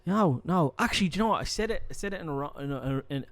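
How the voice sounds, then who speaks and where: A young man with a Dublin Irish accent, a podcast co-host who rambles through animated stories, restarting sentences and swearing freely. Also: fairly high pitch, very fast. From Ireland. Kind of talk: casual chat.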